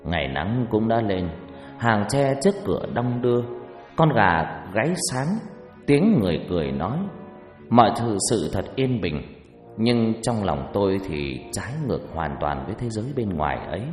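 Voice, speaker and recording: A man narrating a first-person ghost story with animated, dramatic delivery, in an echoey room with faint music behind. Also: on the low side, normal speed.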